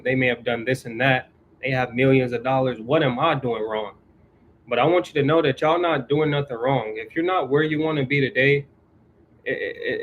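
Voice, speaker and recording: A young man hosting a casual chat on his channel, giving viewers advice in a relaxed way and repeating his key points. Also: mid-range voice, slight background noise, poor audio. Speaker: YouTube host answering viewers.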